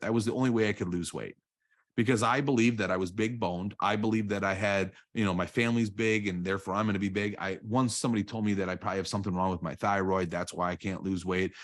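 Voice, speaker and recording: Halting man in his forties. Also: on the low side. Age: 40s. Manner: halting, repeats words, keeps asking "right?". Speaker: guest, real estate coach. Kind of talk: candid personal storytelling.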